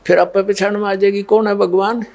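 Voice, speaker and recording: A man giving a devotional sermon, speaking straight to his listeners in a steady preaching cadence. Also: high-pitched, fairly quick, vocal fry. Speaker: spiritual preacher.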